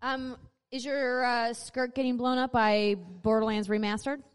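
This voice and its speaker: An American woman with a slightly high voice hosts a casual live panel. She chats and jokes with the audience. The sound carries the long echo of a hall. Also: steady tone, measured pace, clean tone. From North Dakota, USA. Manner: chatty, joking, addresses the audience. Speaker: panel host. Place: large convention panel room with live audience.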